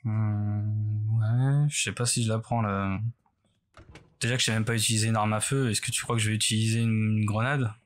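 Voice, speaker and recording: A man's voice: lowish voice, steady tone, moderate pace, a little hiss or hum. A man doing casual let's play commentary as a horror game streamer, rambling nervously and self-mockingly as he talks to himself. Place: bedroom at home, indoors.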